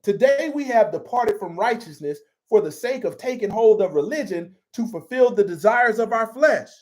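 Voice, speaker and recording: A man's voice: high-pitched, animated, moderate pace. A man preaching a sermon in an emphatic, conversational style and repeating himself for force. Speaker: pastor.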